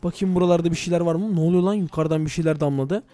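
A young man narrating a Minecraft let's-play to his viewers, excitable and full of exclamations. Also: fairly high pitch, racing. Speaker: gaming YouTuber.

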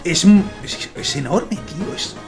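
Excitable gamer, wildly swinging pitch. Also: male voice, takes it slowly, music in the background. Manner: excitable, swears a lot, jumps from mutters to loud shouts. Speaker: gaming YouTuber. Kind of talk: Minecraft let's play commentary.

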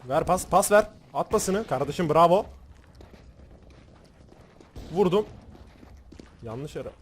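Young turkish gamer guy, high lively voice, excitable, swears and laughs a lot, faint noise. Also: slow. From Turkey. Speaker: gaming YouTuber. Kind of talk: live gameplay commentary.

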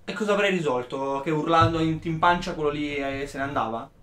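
A young man in a casual chat with his partner, agitated and rambling, his pitch jumping up when flustered. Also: fairly quick, pushed and bright. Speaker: boyfriend pranked by partner. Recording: echoey room, faint noise.

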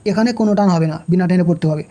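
Mellow-voiced patient Quran reading teacher. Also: mid-range voice. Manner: patient, repetitive, spells out letters and vowel marks slowly. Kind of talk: step-by-step recitation lesson.

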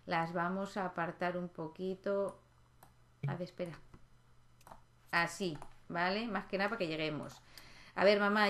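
Chatty woman narrating her life-sim game. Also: medium pitch. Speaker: gaming channel host. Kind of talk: casual gameplay commentary.

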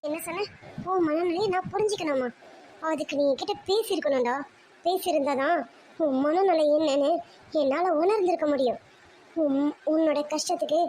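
A woman's voice: extremely high pitch, mellow, slight background noise. A woman voicing a hurt young woman in a cartoon drama, accusing and reproachful. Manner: reproachful, angry questioning.

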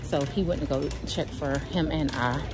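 A woman's voice: low-pitched, normal speed, noisy background. A young woman chatting casually to her viewers in a vlog from a store, using informal slang. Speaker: vlogger. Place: store and mall, indoors.

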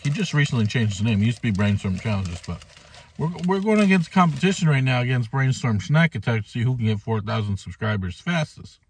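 For his in-car mukbang vlog, a man in his thirties eats while chatting casually to the camera. He has a medium-pitched voice with a breathy edge, recorded on a phone or camera held at arm's length.

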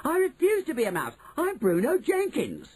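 A man plays a spoiled, greedy boy turned mouse in a children's storybook. The voice leaps high and loud, blustering and indignant, with a husky edge and wildly swooping pitch. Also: wildly swooping pitch, fast talker, full character voice. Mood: outraged. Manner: blustering, loud-mouthed, outraged exclamations.

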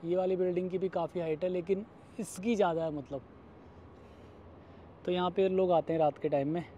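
A man's voice: high-pitched, steady tone, brisk, mellow, dull audio, slight background noise. A man in his thirties from India, chatting casually to viewers as he vlogs outdoors on city streets at night, phone held at arm's length. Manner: chatty, addresses viewers as guys and brother. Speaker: vlogger. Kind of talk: casual vlog narration.

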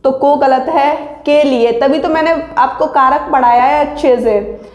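A woman teaching grammar in an exam-prep lesson, with a high voice that takes its time over each example sentence. Her explanations are patient and end with a quick check that students follow. The recording carries a noticeable room echo.

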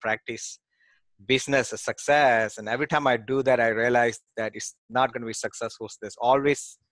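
Speaking briskly with fairly even intonation, this man has a mid-range, fairly bright voice and no room sound. He's a Malaysian real estate investor in his forties, guesting casually on a video call from a home office via headset, with many fillers and restarts.

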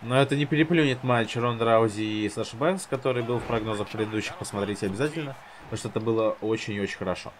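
A man's voice: fairly low pitch, rapid-fire, a crowd in the background. A man commentating his own gameplay like a casual wrestling commentator, teasing and goading the wrestlers as he goes.

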